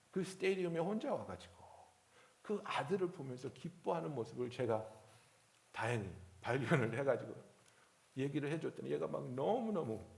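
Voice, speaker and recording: A man's voice: mid-range voice, vocal fry. A man preaching a sermon as pastor, telling a story and acting out the voices in it. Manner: rising to forceful preaching.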